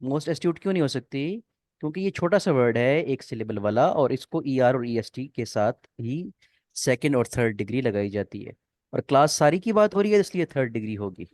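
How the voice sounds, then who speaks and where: A man's voice: mid-range voice, animated, normal speed, a little mellow, no room sound. Man teaching grammar, dry sound. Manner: explains step by step, checks often if students follow. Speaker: English teacher. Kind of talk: online class explanation.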